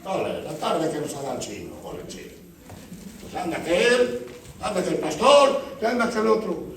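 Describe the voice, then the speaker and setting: A man's voice: high-pitched, big pitch swings, normal speed, vocal fry, slight background noise. A man preaching a sermon as pastor, telling stories and acting out dialogue with churchgoers. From Spain. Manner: storytelling, acts out dialogue with church members. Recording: echoey church hall from far off.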